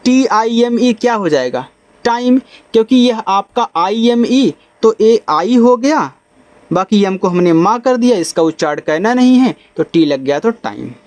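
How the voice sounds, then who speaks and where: Brief: male phonics teacher, high voice, patient step-by-step explaining, slow spelling. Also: lively intonation, a little mellow, no room sound. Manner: explains step by step, spells letters out slowly, repeats and asks the class questions. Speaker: English teacher. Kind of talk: spoken phonics lesson.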